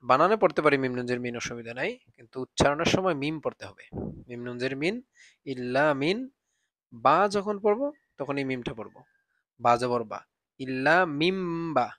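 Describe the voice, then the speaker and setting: A male Quran teacher spells out the text letter by letter, naming every vowel mark before blending the syllables, then breaks into slow, drawn-out chanting of the verse. His voice is at an ordinary male pitch, expressive and a touch bright. The recording is dry and close, with no room sound.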